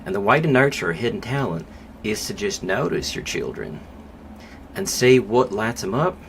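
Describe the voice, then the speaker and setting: A man speaking as a psychologist guest on a podcast interview, thoughtful and measured, with pauses and fillers. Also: fairly low pitch, big pitch swings, poor audio. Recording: clear background noise.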